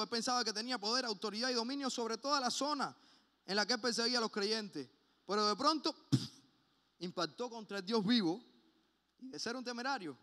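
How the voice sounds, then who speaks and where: A man preaching a sermon in a church, passionate and emphatic, at times dropping to a quiet personal tone. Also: high-pitched. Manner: impassioned, swings between loud emphasis and hushed personal asides. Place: church sanctuary. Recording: long hall reverb.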